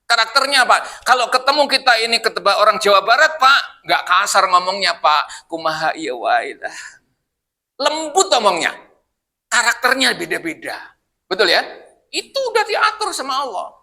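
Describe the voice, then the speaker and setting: A man's voice: high voice, very animated, moderate pace, vocal fry, bright, forceful tone. A man preaching at a mosque study session, joking and asking his congregation questions in a loose, conversational way. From Indonesia. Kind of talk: Quran study sermon.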